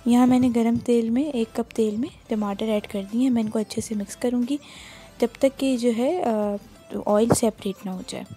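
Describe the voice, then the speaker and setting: A cooking channel host with a Pakistani Urdu accent cooks a home recipe in her kitchen, explaining each step plainly and instructively as she works. Her voice is slightly high and mellow, with fairly even intonation and a moderate pace, and faint music plays in the background.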